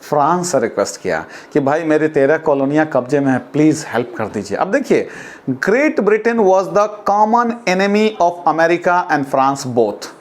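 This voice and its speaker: A man with a slightly higher voice teaches a class, switching between quick Hindi explanations and slow, deliberate readings of English sentences. He addresses students as "beta," poses rhetorical questions, and spells words out to nail pronunciation, with big swings in pitch.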